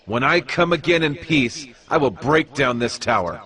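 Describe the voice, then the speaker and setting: A man's voice: medium pitch, animated, normal speed, pushed and bright. A man playing a bold, commanding Israelite war leader in a dramatized audio Bible, speaking in declamatory tones. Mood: stern, threatening. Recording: voice over background music.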